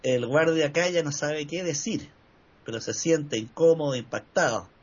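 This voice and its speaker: Husky older man, measured talk. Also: on the high side, lo-fi sound. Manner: measured, discursive, with frequent "eh" fillers. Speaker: panel speaker. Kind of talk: reflective discussion talk.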